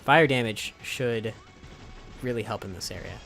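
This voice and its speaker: A man's voice: on the low side, normal speed, vocal fry, a bit bright, faint music behind. Wry man streaming a game. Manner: wry, self-mocking, muttering asides. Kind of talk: live stream gameplay commentary.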